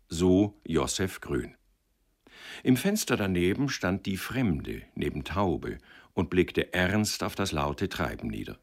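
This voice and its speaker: A man reading a novel aloud in a measured, expressive storytelling manner. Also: low voice. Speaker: reader. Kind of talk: literary reading.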